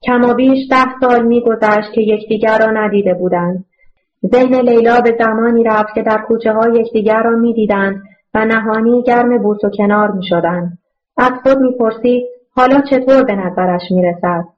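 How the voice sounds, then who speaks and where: A woman narrating a novel aloud in a steady, measured reading voice. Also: a little high. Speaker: audiobook narrator. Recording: muffled lo-fi audio.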